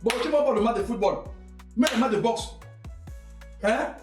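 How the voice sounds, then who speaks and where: A woman's voice: on the high side, expressive, moderate pace, close to an everyday voice. A woman from western Cameroon, playing a stern, proud African father who lectures his son in a comedy skit. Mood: scolding. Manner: lecturing, repeating himself, mocking. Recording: roomy, distant mic, faint music.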